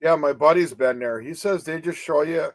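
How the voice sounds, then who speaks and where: A man's voice: fairly high pitch, normal speed, no room sound, poor audio. An older man chats casually on a live stream. His speech rambles with false starts and trailing "you know?" tags. The sound is dry and close, with no room around it. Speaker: co-host of a live advocacy chat.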